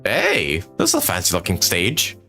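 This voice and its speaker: Over game music, this streamer talks through his gameplay in a loose, rambling way, chuckling frequently and leaning on "like" constantly. His deep voice swings hugely in pitch, with a bright, forceful tone at a normal speed.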